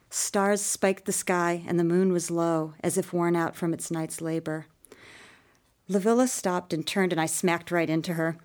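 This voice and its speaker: Low-voiced woman reading a story. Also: a little mellow. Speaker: audiobook narrator. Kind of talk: scripted first-person narration.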